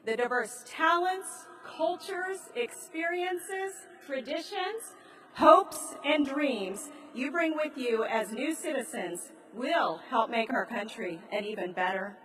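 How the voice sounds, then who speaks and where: An American woman speaking as a presiding judge, giving a formal, measured ceremonial address. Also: fairly high pitch, fairly bright tone. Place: large grand hall in a train station. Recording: echoey large hall, distant mic.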